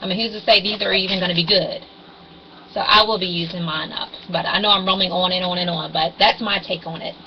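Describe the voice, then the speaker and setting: Brief: woman in her 40s on a distorted, fuzzy webcam, lower voice, meandering, lots of ums, faint hiss. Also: fairly even intonation, quick pace, dull audio. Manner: meandering, hesitant, with frequent ums. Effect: fuzzy distorted webcam audio. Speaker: couponing vlogger. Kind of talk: casual rambling explainer.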